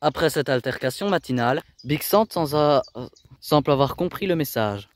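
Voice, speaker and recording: A man's voice: a little high, expressive, normal speed. A man delivering scripted reality TV voice-over with emphatic, dramatic phrasing. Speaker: narrator.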